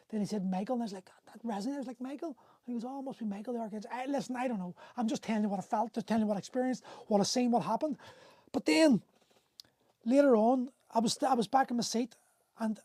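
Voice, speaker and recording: A middle-aged man hosting a livestream tells a personal story candidly and emotionally, in a high-pitched, warm voice with no echo, picked up by a phone. He swears freely and keeps stopping to restart his sentences.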